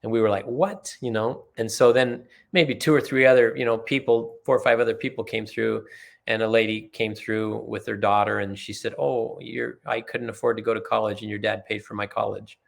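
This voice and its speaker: A man from Utah with a low, gravelly voice. As a podcast guest, he rambles through earnest family anecdotes in a relaxed way, slipping into the voices of the people he quotes. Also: fairly quick. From Utah, USA. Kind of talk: casual storytelling in conversation.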